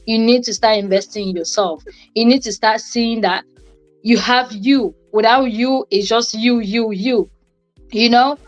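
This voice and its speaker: Faint music plays behind a young adult woman from Cameroon as she gives an informal, conversational motivational talk on a livestream, where she is co-host and guest speaker. Her fairly high voice moves at a measured pace, and the highs are cut off. She repeats phrases for emphasis.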